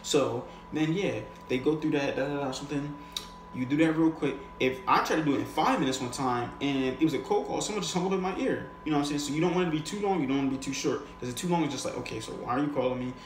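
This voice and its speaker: This fast-talking man with a fairly high voice coaches on sales in an unscripted, casual instructional talk. He keeps it conversational, uses slang, and frequently checks in with the listener, recorded in an echoey room with faint noise.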